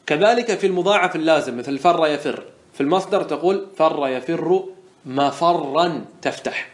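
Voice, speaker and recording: A man's voice: fairly high pitch, expressive, brisk. Man lecturing, repeating each word twice. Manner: repeats each word form twice, asks the class rhetorical questions. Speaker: Islamic scholar teaching Arabic morphology. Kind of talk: classroom lecture explaining a grammar poem.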